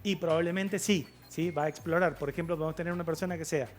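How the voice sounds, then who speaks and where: A man, a guest sexologist on a TV talk show, explaining things in a measured way with filler pauses. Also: on the high side, fairly even intonation. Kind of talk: TV studio interview. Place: TV studio.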